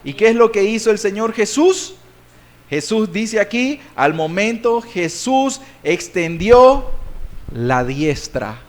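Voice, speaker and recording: Preaching a sermon, this pastor from Nicaragua uses a high, sing-song voice. He moves between loud and quiet delivery, lingering slowly on key words for emphasis.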